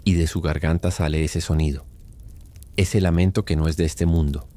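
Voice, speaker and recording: Brief: male storyteller, very low and dark voice, calm bedtime narration. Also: normal speed.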